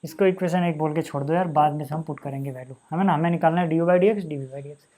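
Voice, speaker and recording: A man teaching a maths lesson, talking casually to students and repeating each step slowly as he writes. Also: fairly high pitch, warm tone. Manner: casual, addresses students as bhai and yaar, repeats steps slowly while writing.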